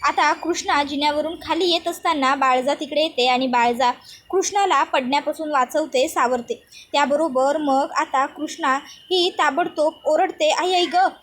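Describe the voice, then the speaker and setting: A woman narrating a TV serial recap in a brisk, conversational storytelling manner. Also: high voice, a bit bright. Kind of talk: casual narration of a serial episode.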